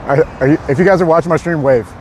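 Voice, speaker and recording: Easygoing young male streamer, a bit high-pitched, talking to chat outdoors with light street noise behind. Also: rapid-fire, darkish tone. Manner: laid-back, laughs often, reads chat aloud. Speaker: live streamer. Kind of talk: casual live-stream chat.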